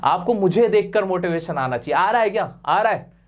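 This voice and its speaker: A man teaching an exam lesson in an animated, coaxing way, full of rhetorical questions and playful teasing. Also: high-pitched, brisk. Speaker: English teacher. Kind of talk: classroom-style exam lesson.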